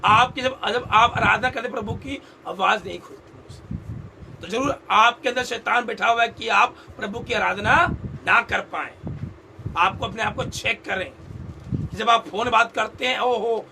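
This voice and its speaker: A male pastor preaches with a high voice, throwing questions at his listeners and having them echo his phrases. The recording carries a lot of background noise. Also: a little slow, vocal fry. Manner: quizzes the congregation, repeating phrases. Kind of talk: call-and-response sermon. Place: church hall.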